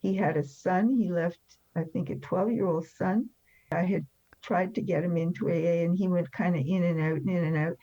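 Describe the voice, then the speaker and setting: In an interview, an elderly woman of seventy-plus, French-born and an emigrant after the war, recounts her life frankly and without fuss. She speaks at normal speed in a low, mellow, steady voice, and the recording is muffled.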